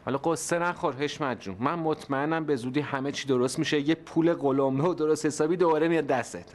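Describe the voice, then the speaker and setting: A man's voice: fairly high pitch, natural voice. A man playing an evasive, hedging football coach. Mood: reassuring. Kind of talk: TV sitcom acting.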